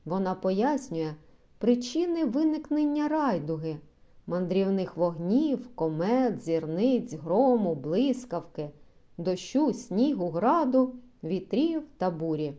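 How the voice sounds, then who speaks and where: A pedantic male philosophy teacher, read by a woman, lecturing slowly and carefully in a mellow, warm voice. His pitch rises and falls in lively sweeps as he explains. It has a storybook read-aloud feel.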